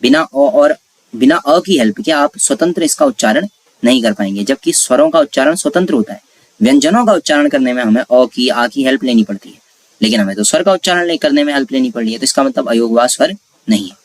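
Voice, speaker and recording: A man's voice: mid-range voice, sing-song, fast, no echo. Man teaching Hindi grammar, dry sound. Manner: explains step by step, asks and answers his own questions. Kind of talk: exam-prep classroom lesson.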